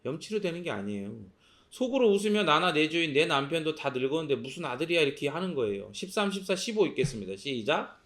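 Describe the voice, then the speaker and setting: A man's voice: on the high side, big pitch swings, fast talker. A male pastor preaching a sermon, asking rhetorical questions and answering them himself. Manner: acts out quoted lines in a sharp voice.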